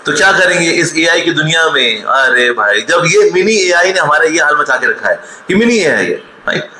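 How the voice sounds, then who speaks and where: With a sharp, animated voice on the high side, a man in his forties moves at a moderate pace through a lively motivational talk. He tells stories, acts out quotes, and switches to mocking rebukes. Slight background noise and faint ambience come through the hall's echo.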